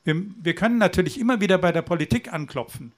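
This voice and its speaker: At an outdoor rally, a man from southwestern Germany gives an earnest, persuasive speech, occasionally restarting a sentence. His high-pitched voice has lively intonation and a quick pace.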